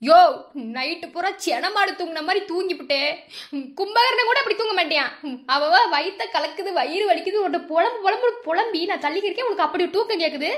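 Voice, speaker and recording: A woman with a Madurai Tamil accent voicing a sick, sharp-tongued older mother-in-law in a cartoon, scolding and complaining. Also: very high-pitched, animated, quick pace. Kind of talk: cartoon voice acting.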